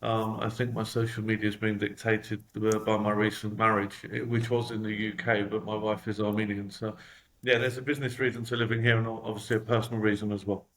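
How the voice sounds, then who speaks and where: This London man, a company CEO, answers interview questions candidly and reflectively, filling his speech with "um" and "you know." His voice is lowish and a bit bright, with little pitch movement and a fairly quick pace. The recording quality is low.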